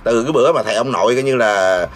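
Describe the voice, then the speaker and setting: A man's voice: medium pitch, fast talker, a little hiss or hum. A man hosting his vlog, ranting sarcastically and scolding, breaking into laughs mid-sentence. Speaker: vlogger host. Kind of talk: mocking commentary rant.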